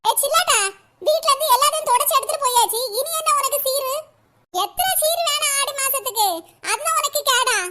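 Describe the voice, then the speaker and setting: A woman's voice: very high voice, a little fast, noisy background. A woman voicing a fierce, scolding middle-aged village mother with a Kanyakumari Tamil accent in a cartoon. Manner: sharp, scolding, threatening. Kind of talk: cartoon voice acting.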